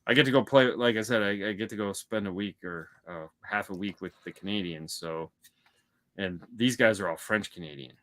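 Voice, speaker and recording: A man's voice: fairly low pitch, moderate pace, fairly bright tone. A man from Michigan co-hosting a casual movie chat, rambling and joking with lots of repeated words. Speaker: podcast co-host.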